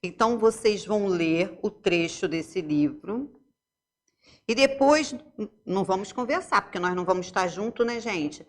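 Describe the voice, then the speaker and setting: A woman's voice: medium pitch, expressive, moderate pace. A woman teacher with a Brazilian Portuguese accent, giving a remote lesson to young pupils, explaining step by step and asking checking questions.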